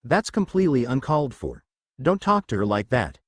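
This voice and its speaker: A man's voice: medium pitch, wildly swooping pitch, normal speed, no room sound. A man reading the lines of a protective young man who snaps curtly, in a story reading. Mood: angry. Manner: curt, snapping.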